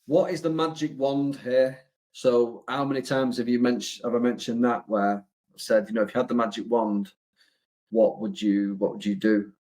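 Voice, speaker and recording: Blunt, sweary English business coach. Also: male voice, medium pitch, fairly even intonation, normal speed, a little mellow. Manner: blunt, sweary, rambling with many fillers. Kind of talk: casual motivational talk.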